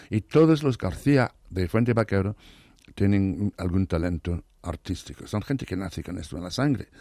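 A man speaking Spanish as a learned language, hoarse today, talking eagerly in an interview and often restarting or repeating words. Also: fairly low pitch, mellow, dry recording, studio quality. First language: not Spanish. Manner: enthusiastic, restarts words, many repetitions. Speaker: interview guest, literary scholar. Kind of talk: thoughtful conversational interview.

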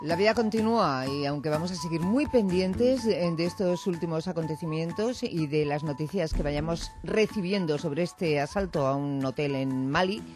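A woman's voice: sits low, normal speed, few pauses, music in the background. A woman with a Spanish accent hosting a live radio show in an informal, chatty, conversational way on a studio microphone. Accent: Spain. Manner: chatty, informal, frequent acknowledgements. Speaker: radio host.

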